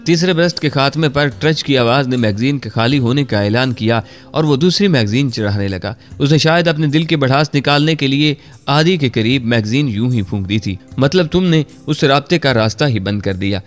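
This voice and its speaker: A man narrating a war adventure in a steady, measured read. His voice sits at an ordinary middle pitch. A soft music bed plays faintly underneath. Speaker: story narrator. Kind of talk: scripted narration of a war story. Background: faint background music.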